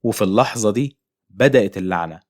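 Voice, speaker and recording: A man's voice: lowish voice, fast talker. A man with an Egyptian accent narrating a horror story in a dramatic, ominous way. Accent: Egyptian Arabic. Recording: noisy home recording.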